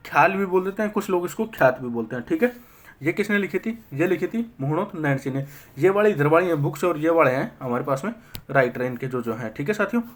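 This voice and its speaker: Man quizzing through a history lesson. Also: a little high. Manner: quizzes himself with quick questions and answers; keeps checking in with listeners. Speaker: history teacher. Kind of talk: exam-prep lecture.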